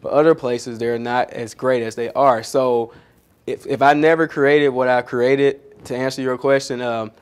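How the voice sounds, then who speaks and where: A man speaking as the featured guest at a small startup event. He rambles cheerfully through his answers, with plenty of ums and jokes at his own expense, at a middling pitch. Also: fairly even intonation, measured pace, smooth. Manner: chatty, rambling, self-deprecating, many fillers. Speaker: pastry chef and founder, featured speaker. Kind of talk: casual onstage Q&A answers. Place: coworking space event.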